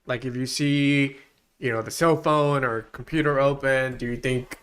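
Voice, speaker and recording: A man's voice: mid-range voice, fairly even intonation, moderate pace, a bit bright, clean tone. A man co-hosting a casual true-crime podcast, easygoing, telling the case plainly. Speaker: podcast co-host.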